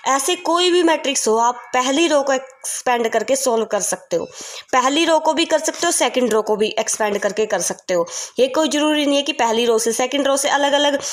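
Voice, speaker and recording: A woman's voice: high-pitched, expressive, moderate pace. A woman teaching a maths lesson step by step, often repeating points and asking the class questions.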